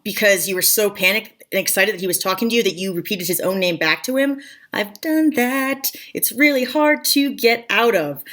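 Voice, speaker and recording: A young woman vlogging comic advice in a bubbly, self-mocking way with quick asides. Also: mid-range voice, fairly bright tone. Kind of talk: scripted comedic vlog advice.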